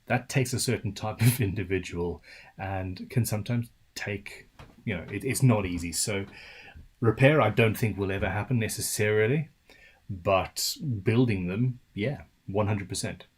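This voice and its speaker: A man's voice: lowish voice, moderate pace, husky. A British man hosting a casual live-stream Q&A about guitar building, reading viewer questions aloud and answering in a loose, chatty way with trailing restarts. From United Kingdom.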